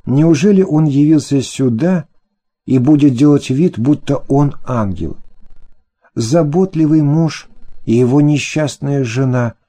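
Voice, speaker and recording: Male narrator, audiobook, expressive reading, mellow warm voice, medium pitch. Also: measured pace. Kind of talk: scripted first-person narration.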